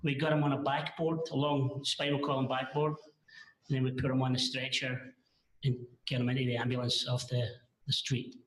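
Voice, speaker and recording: A man testifying as a paramedic witness, answering in a halting, hesitant, plain-spoken way, heard in a courtroom recording. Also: medium pitch, flat delivery, fairly bright tone, reverberant, low-quality recording.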